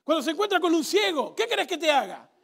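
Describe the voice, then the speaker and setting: A pastor preaches fast in a strikingly high, rough, gravelly voice. He's animated and sarcastic, and has the congregation repeat phrases back to him.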